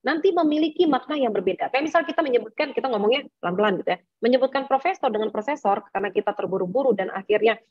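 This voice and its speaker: Husky woman teaching public speaking. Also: fairly high pitch, rapid-fire, few pauses. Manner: lively, addresses the audience directly, demonstrates tones. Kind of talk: workshop lecture to an audience. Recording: dull, dry sound.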